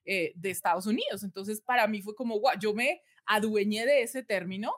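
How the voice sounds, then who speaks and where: A woman's voice: mid-range voice, normal speed. A woman from Colombia, a communication expert telling her story earnestly as a podcast guest and often checking in with the listener. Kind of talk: conversational podcast interview.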